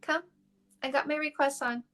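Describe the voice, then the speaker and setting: A woman's voice: high voice, steady tone, normal speed, a bit bright. A woman dating coach from Canada giving blunt, frank advice to viewers on a casual phone livestream.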